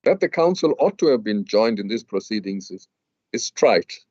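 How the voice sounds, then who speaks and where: A man arguing a legal point before a judge, formal and measured, with some hesitant fillers and restarts. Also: lowish voice, sing-song, darkish tone, no echo. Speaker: advocate arguing in court. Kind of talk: legal argument. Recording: dull lo-fi dry hearing audio.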